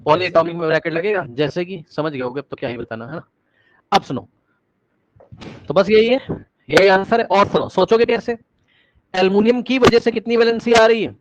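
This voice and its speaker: A male teacher giving a live online class lecture, energetic, repeating words rapidly to prod his students and coaxing them with questions. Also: sits high, no echo. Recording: dull, dry online-class audio.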